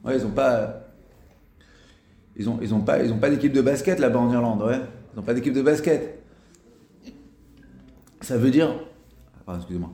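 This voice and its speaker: A man talks through a religious lesson in a casual, unscripted way. He stumbles and restarts his sentences often, his voice sits at an ordinary middle pitch, and the room adds a clear echo. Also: dark tone. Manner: halting, with frequent restarts and "ouais" fillers.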